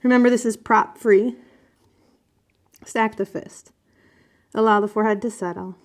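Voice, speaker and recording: A woman teaching a yoga class, giving calm step-by-step cues for breath and movement. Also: medium pitch, normal speed. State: slightly out of breath at times. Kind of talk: guided yoga class instruction.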